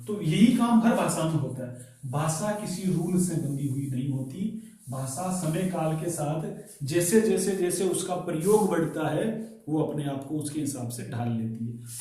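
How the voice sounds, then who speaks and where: A man's voice: a little high, mellow. Man teaching in a very echoey classroom. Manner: explains with rhetorical questions. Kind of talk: classroom lecture on English grammar. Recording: very echoey room, voice from far off.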